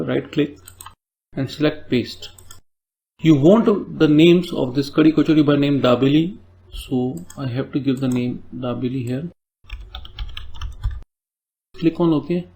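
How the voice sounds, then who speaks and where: This programming tutor, a man with an Indian English accent and a warm, fairly high voice, narrates a screen-recorded coding tutorial. He breaks things down step by step and keeps checking in through tag questions.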